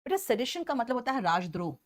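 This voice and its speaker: Woman English teacher, fairly high voice, Indian English, brisk and scolding with students. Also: sing-song. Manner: scolding, teasing students, calls them beta; slow, deliberate reading of English example sentences. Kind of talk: online class lecture.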